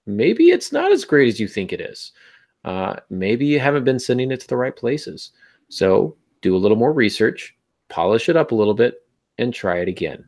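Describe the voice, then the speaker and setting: A podcast host with a medium-pitched, darkish voice offers advice directly to the listener in an encouraging, conversational way. His pitch swoops wildly, though his pace stays moderate.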